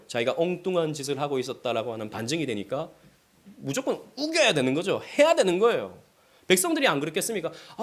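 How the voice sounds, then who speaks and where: A South Korean male pastor with a high-sitting voice preaches a sermon, acting out quotations with sudden loud surges and hushed drops.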